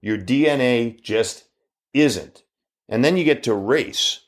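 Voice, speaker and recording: A man in his fifties giving an argumentative opinion monologue full of rhetorical questions, his pitch jumping up as he challenges the listener. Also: slow. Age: 50s.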